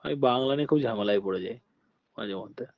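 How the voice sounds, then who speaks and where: A man's voice: medium pitch, fast, dry recording. Guy from birbhum teaching a class, explains patiently, keeps asking if students get it, dull dry sound. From Birbhum, West Bengal. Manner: patient explaining, often checks the class understands. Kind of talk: classroom lecture.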